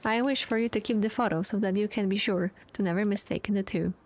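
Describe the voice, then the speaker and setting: Speaking fast in a mid-range, near-everyday voice, a woman plays a stiff, formal café customer giving a presentation. Her delivery is flat, robotic, and formal, with music playing in the background.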